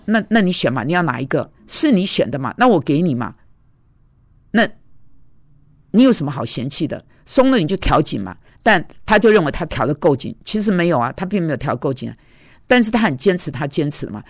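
A woman's voice: low voice, no room sound, clean studio sound. Woman preacher telling a story. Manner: conversational, recounting dialogues. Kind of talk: storytelling sermon.

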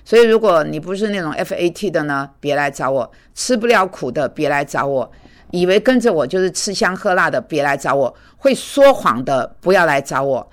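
A woman's voice: low-pitched, a little fast. Blunt scolding woman preacher. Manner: blunt, scolding, lively and animated. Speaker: preacher and mentor. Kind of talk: sermon. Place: speaking in Manhattan.

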